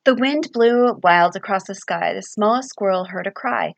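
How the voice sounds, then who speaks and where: A woman librarian reading a picture book aloud to children, with expressive sing-song storytelling and questions to her young listeners. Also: mid-range voice, moderate pace, creaky, no echo, low-quality recording.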